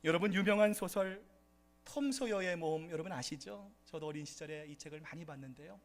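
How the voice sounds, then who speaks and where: A man's voice: a little high, brisk, faint music behind. A man preaching a sermon as pastor at a church service, addressing the congregation and rising into impassioned outbursts.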